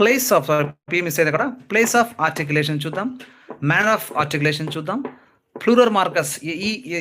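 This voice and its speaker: Bright-voiced man teaching phonetics. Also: on the high side. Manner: explains patiently, repeating sounds and words slowly; mixes English terms into Telugu speech. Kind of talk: exam-prep lesson with slides.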